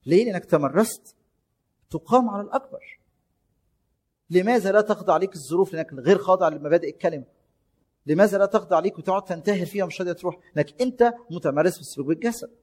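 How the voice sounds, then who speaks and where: A man's voice: high voice, very fast, darkish tone. A man preaching a sermon in an Egyptian Arabic accent, exhorting listeners with rhetorical questions and shifting emphasis.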